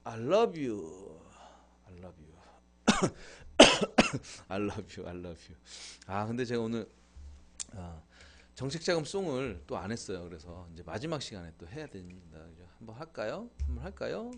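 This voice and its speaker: A man's voice: fairly low pitch, big pitch swings, unhurried. Guy doing a casual live stream, chatty, keeps thanking viewers and laughing.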